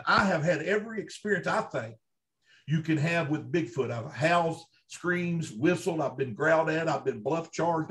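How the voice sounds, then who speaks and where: Higher-pitched Kentucky man, folksy storyteller. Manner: folksy, emphatic, repeats himself for emphasis. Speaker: interview guest, Bigfoot researcher. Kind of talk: conversational first-hand storytelling.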